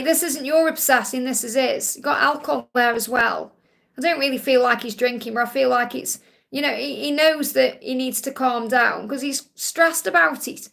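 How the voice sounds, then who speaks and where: A woman with a Stoke accent and a high, creaky voice with a bright, forward edge. She hosts live psychic card readings, talking to viewers in a reassuring manner. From Stoke, England. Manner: reassuring, repeatedly checking with "okay?".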